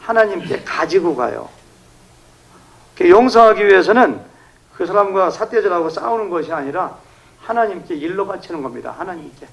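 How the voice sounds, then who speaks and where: An emphatic male pastor preaching a revival sermon in a church sanctuary. His voice sits high for a man and carries a gravelly edge, and he shifts from quiet asides to loud outbursts. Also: rough recording. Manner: emphatic, animated, acting out shouted prayers.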